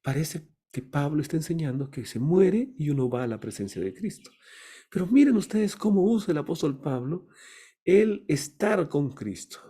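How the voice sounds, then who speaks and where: A male pastor leads a Bible study, his voice husky and mellow but pitched fairly high. He explains step by step and keeps asking his listeners rhetorical questions. Now and then he drifts away from the mic. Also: lively intonation, normal speed.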